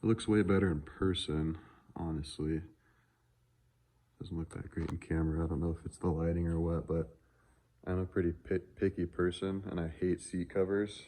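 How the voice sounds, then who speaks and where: A man sits low in pitch with a mellow, steady tone and normal speed as he chats casually in a handheld vlog. He's showing his truck modifications, speaking in a relaxed, unscripted, offhand manner.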